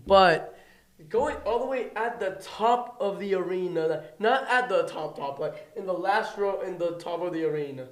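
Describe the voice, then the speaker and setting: High-voiced young man chatting wrestling. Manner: halting, restarts often, earnest. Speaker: podcast co-host. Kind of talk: casual wrestling chat.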